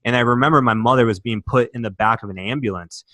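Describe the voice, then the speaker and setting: Man from michigan, young adult, mid-pitched voice, earnest storytelling, many fillers, dry sound. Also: fast, pushed and bright, no echo. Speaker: podcast guest. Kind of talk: candid interview storytelling.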